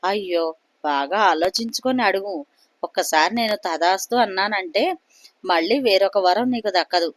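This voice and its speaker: A woman's voice: medium pitch, moderate pace, no echo, lightly acted. Storybook goddess, motherly and scolding, coaxing a boon from a man, as a woman narrator puts her on. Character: indulgent goddess granting a boon, coaxing, maternal.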